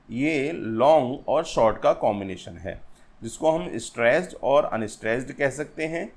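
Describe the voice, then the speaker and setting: A man teaching an exam-prep lesson, speaking slowly and repeating each point, reading English definitions aloud between explanations. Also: a little high. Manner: slow and repetitive, addresses viewers as friends, reads English definitions aloud. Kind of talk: exam-prep lecture on poetic meter.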